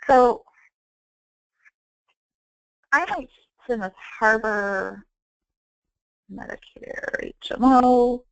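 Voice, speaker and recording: A woman's voice: a little high, slow, gravelly, no room sound, lo-fi sound. A woman who counsels on Medicare, giving a conversational training presentation and acting out her calls with clients. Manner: conversational, acts out client calls with quoted dialogue.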